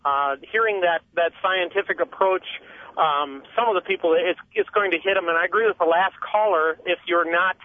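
Halting man on a clipped phone line. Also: sits high. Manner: halting, many repeats and fillers. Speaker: radio call-in caller. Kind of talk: casual call-in opinion. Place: in his car. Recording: tinny phone line from a car.

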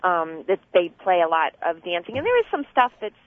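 Over a clipped, tinny phone line, a woman rings into a radio program from her car and talks fairly quickly. Her voice sits low but swings widely in pitch, and she earnestly explains herself with fillers and false starts in a dry recording.

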